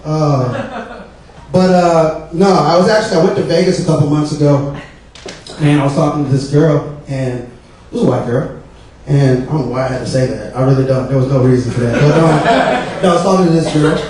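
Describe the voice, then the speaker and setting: A man's voice: fairly high pitch, a little fast, darkish tone. A male stand-up comedian from the American South, telling a profane, rambling set full of fillers. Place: comedy club stage. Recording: very echoey club, mic distant, crowd laughter. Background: audience laughter.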